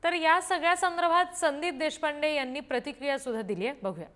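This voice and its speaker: A woman's voice: high-pitched, fast talker, fairly bright tone. A woman presenting live news as an anchor, introducing reports and clips. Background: news music.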